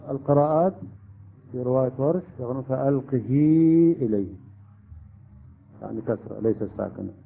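A man teaches a class on the rules of Quran recitation, explaining them step by step and often checking in with his students. His mid-range voice is creaky and dark-toned, captured on a dull lo-fi recording with slight background noise.

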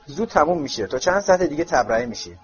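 A kind middle-aged wizard dad who reassures a boy with quick, lively speech, voiced by a man narrating a storybook. His voice sits slightly higher than average. The sound is a bit dull, with soft music behind it. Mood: encouraging. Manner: encouraging.

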